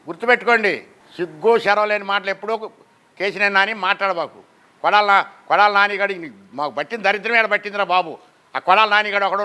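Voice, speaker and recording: A man's voice: high-pitched, sharp tone, clean tone. A man, a farmer ranting angrily to a street camera, scolding with insults and rhetorical questions. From Andhra Pradesh, India. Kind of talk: angry public-opinion rant to camera.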